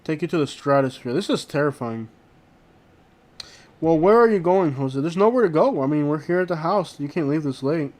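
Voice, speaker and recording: A man hosting a casual live stream, talking in an informal, slangy and halting way and often repeating himself. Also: fairly high pitch, lively intonation, a little mellow. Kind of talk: casual live stream chat, reacting to viewers. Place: inside a rented house.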